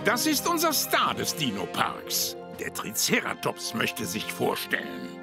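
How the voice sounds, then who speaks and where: A man voicing a showy, jolly talking lorry in a children's cartoon, with a gravelly voice. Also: medium pitch, huge pitch swings, measured pace, heavily acted. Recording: loud music behind the voice.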